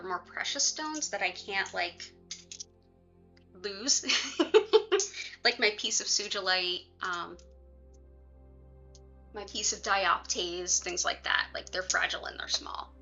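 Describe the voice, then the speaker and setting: Bright-voiced woman chatting on a livestream. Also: medium pitch, muffled recording. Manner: conversational, chatty asides to viewers. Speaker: livestream host and reiki practitioner. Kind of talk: casual livestream chat with viewers.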